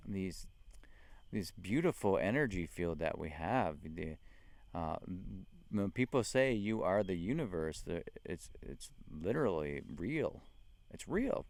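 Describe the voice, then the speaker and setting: A man talking slowly and earnestly about spiritual experiences into a handheld mic, with many fillers and soft laughs. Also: low-pitched, very animated, dry recording. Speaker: spiritual vlogger. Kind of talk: casual spiritual talk to camera.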